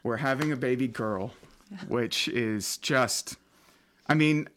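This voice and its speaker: A man's voice: mid-range voice, slow, fairly bright tone. Casting note: man, late 30s, talky podcast host, loose and rambling. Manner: chatty, rambling with many fillers. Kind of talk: casual podcast chat. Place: home basement studio.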